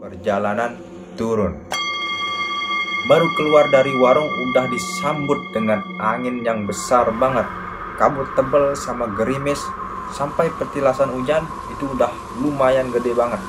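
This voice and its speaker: A man's voice: medium pitch, normal speed, loud music behind the voice. A man narrating a horror story in a casual, slangy first-person way, over a noisy background.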